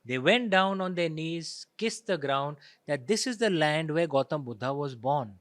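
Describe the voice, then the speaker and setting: Speaking with an Indian accent, a man being interviewed as an author of historical fiction argues his views emphatically, often tossing in rhetorical questions to check in. His voice is fairly high, expressive and fairly bright, at a moderate pace with no echo.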